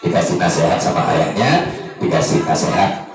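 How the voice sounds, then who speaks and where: Animated preacher in an echoey hall. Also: male voice, deep voice, normal speed. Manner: animated, rising and falling intonation, acting out parents and children. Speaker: ustaz giving advice at a birthday gathering. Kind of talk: informal sermon. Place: community hall at an Islamic boarding school. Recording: echoey room, mic at a distance, music behind.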